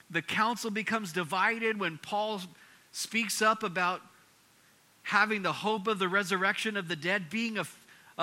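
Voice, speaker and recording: A man with a fairly high, strikingly bright voice preaches a verse-by-verse sermon. He retells the story in an easygoing, conversational way and often restarts his sentences. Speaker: pastor. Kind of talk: expository sermon.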